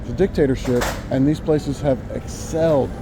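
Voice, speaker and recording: A man's voice: medium pitch, moderate pace. An American man giving a casual, rambling walk-and-talk monologue as he muses informally outdoors on a city sidewalk. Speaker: vlogger. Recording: outdoor street with loud traffic noise. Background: passing cars and trucks.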